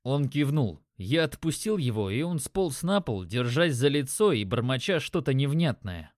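A man narrating a story in a steady, measured audiobook style. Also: mid-range voice, dry recording, clean studio sound.

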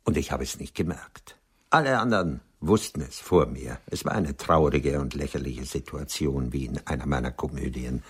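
In a radio play, an actor voices a melancholy older male writer, bitterly confessing in a halting, resigned manner. His bass voice is breathy and fully in character, sinking toward a whisper.

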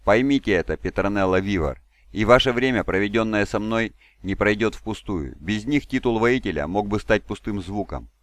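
A man's voice: on the low side, lively intonation, moderate pace, dry recording, lightly acted. A man voicing a proud, fatherly giant male warlord who speaks in a solemn, commanding way.

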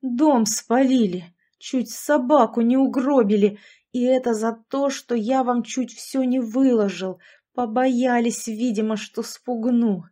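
A woman's voice: on the high side, steady tone, slow pace, mellow, voice pushed up. A woman voicing a grim, bitter old village man who grumbles and bursts out angrily.

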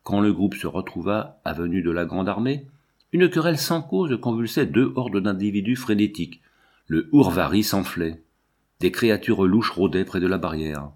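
A man narrating a classic novel with an expressive, varied delivery. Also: deep voice, moderate pace. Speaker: audiobook reader. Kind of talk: literary narration.

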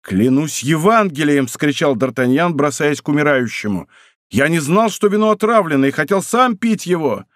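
An impetuous young guardsman , as a male reader voices him, speaks with earnest urgency in a lively voice. His pitch swings freely, and the recording is close and dry. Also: normal speed, no room sound, lightly acted. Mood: earnest urgent.

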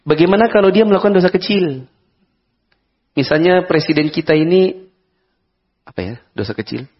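A man with a slightly high voice, lively intonation, and normal pace gives a conversational Islamic study lecture in an Indonesian accent. He asks the audience questions and acts out examples, captured in a dull lo-fi recording.

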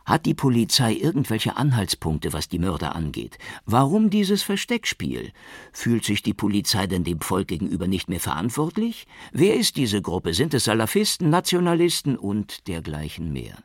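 Pushy reporters, as a male narrator puts them on, firing accusatory questions in a raised, husky voice. The lines swing widely in pitch, close and dry. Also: wildly swooping pitch, moderate pace, no room sound, heavily acted. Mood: demanding. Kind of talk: audiobook character voice.

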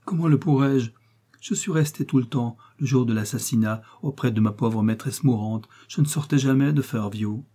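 A man's voice: medium pitch, moderate pace, mellow, natural voice. A man voicing a nervous aging woman servant who trembles and sobs as she pleads. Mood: agitated. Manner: trembling, sobbing pleas.

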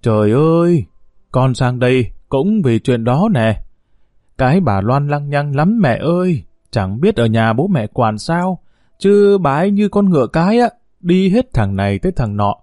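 A man's voice: medium pitch, sing-song, unhurried, warm tone, no room sound, clean studio sound. A man voicing an outspoken, heated young woman who complains bluntly in an audio story. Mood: indignant.

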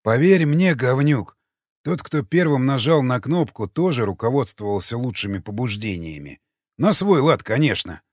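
A man reading a gruff swearing cannibal. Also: mid-range voice, animated, moderate pace, no echo, studio quality. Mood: scornful. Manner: coarse, swearing, threatening. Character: gruff hulking cannibal man, blunt and menacing. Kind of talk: audiobook character reading.

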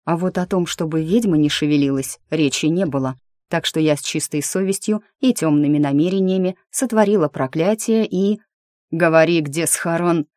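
A woman reading a first-person fantasy audiobook in a lively, wry storytelling manner. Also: low voice, moderate pace, dry recording, studio quality. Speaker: audiobook narrator. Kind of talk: scripted fantasy narration.

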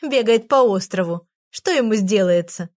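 A woman's voice: mid-range voice, moderate pace, natural voice. A woman reading aloud, voicing a tiny bossy magical girl creature who exclaims and tells on others. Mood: chirpy. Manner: lively, exclaiming, tattletale.

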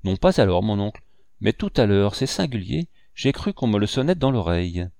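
Une jeune fille de quinze ans, candide et sensible, lue par un homme à la voix plutôt grave, au ton doux et ingénu. La prise de son est sèche et très proche, sans aucune résonance. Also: male voice, on the low side, big pitch swings, moderate pace, vocal fry, a little mellow, no echo, studio quality. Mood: ému.

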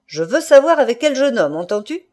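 A woman's voice: mid-range voice, expressive, unhurried, dark tone, close to an everyday voice. A woman doing a badgering jealous husband. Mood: furious. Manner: insistent, badgering, stammering when shaken. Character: jealous middle-aged husband, prying then furious.

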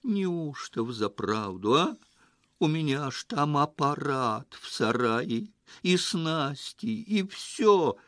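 A man voicing a grumpy unshaven rural man who shouts in agitated, high-pitched outbursts. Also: sing-song, slow, no room sound, clean studio sound. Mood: alarmed.

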